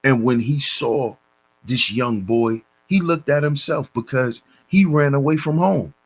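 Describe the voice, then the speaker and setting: In a mid-range voice, a man running a commentary channel reads out a news story and then lectures on it in a slow, preachy manner, addressing his listeners as brothers.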